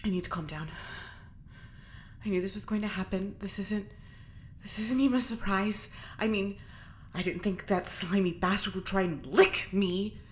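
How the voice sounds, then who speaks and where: Playing a defiant, agitated prisoner in space, an actress stammers and mutters to herself in an audio drama monologue, battling panic with angry, rattled energy. The medium-pitched voice moves at normal speed, lightly acted, with a little hiss or hum.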